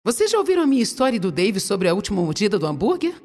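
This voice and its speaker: A woman with a Brazilian Portuguese accent preaching to an audience in a large hall, playful and animated as she tells stories. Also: medium pitch, very fast. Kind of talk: sermon, humorous storytelling. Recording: long hall reverb.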